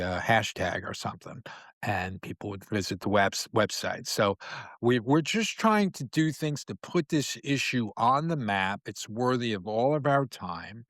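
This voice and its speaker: A man from New York City talks through a casual solo monologue as the host of his own show. His voice sits on the low side and is recorded dry and close. He rambles, circling back with restarts and filler words. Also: a bit bright, no room sound. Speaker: podcast host.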